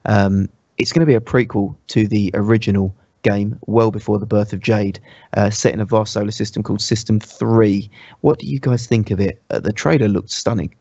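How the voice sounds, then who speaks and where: A man co-hosting a casual gaming chat show, leading the talk with lively reactions. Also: on the low side, normal speed, gravelly, dry recording. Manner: animated, laughing, leading the discussion. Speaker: podcast co-host. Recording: dull lo-fi stream audio.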